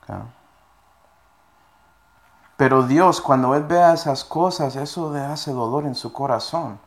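Preaching slowly in a voice on the high side, a man alternates between explaining and reading verses of scripture aloud. He frequently pauses to ask his listeners brief questions.

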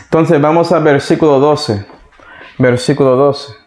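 A man's voice: a little high, a little slow, a little mellow. Man preaching from the Bible in an echoey room. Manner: reads verses and breaks in with comments and "¿sí ve?". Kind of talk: sermon with Bible reading.

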